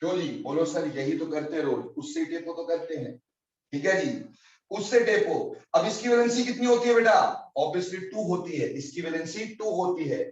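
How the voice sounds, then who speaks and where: A man's voice: on the high side, animated, moderate pace, a little mellow. A man teaching a chemistry class, fondly addressing his students as children and repeating key points, mixing in English terms. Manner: mixes Hindi with English terms. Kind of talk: classroom lecture. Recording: roomy, distant, dull lo-fi classroom recording.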